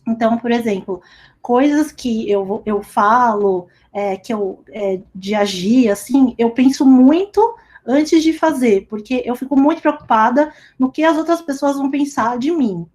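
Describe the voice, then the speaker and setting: Over a remote call, a young woman gives a casual company talk, telling a personal story in a chatty way packed with fillers like "sabe" and "tipo." Her fairly high voice is expressive, a little slow, and slightly mellow.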